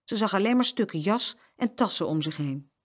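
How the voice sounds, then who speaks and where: A woman's voice: mid-range voice, animated, fairly quick, slightly rough. A woman reading a children's story aloud and acting out the sound effects.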